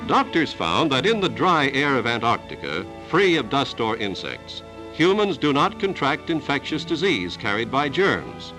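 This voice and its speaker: A man narrating an old newsreel in a measured, declarative announcer delivery. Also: mid-range voice, very animated, rough recording. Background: music score.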